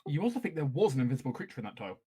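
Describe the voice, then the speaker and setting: Lively quick-talking husky man. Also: medium pitch. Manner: quick, lively rulings and scene description. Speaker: game master. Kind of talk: narrating a tabletop game.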